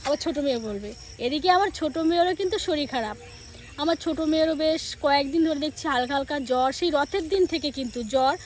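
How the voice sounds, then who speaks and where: A woman's voice: high-pitched, fast talker. A woman, a sore throat and a cough, chatting casually to her viewers as she walks home outdoors in a village. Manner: chatty, speaks straight to viewers and acts out family dialogue. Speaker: village lifestyle vlogger. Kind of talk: casual chat to viewers while walking.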